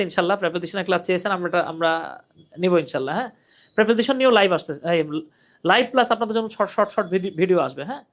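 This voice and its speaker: A young man teaching English grammar in a live online class, patiently explaining rules and reading out viewers' comments. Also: sits high.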